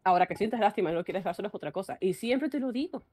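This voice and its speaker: A woman streamer with an Argentine Spanish accent, talking through a casual live chat. She speaks at an ordinary middle pitch. She is blunt and ranting, and she keeps breaking off mid-sentence to start over. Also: animated, rapid-fire, mellow. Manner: blunt, ranting, frequent self-interruptions.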